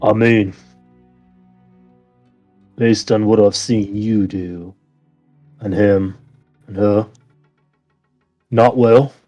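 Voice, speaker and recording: Tabletop game inventor played by a man: male, modest, hesitant, understated, lowish voice. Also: fairly even intonation, extremely slow, long pauses, dark tone, soft background music.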